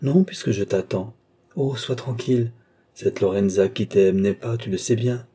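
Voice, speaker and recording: A man voicing a young woman under a trance who tenderly and slowly describes her visions in a storybook reading. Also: fairly low pitch, mellow, breathy edge. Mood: dreamy entranced. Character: young woman, entranced clairvoyant, tender and devoted.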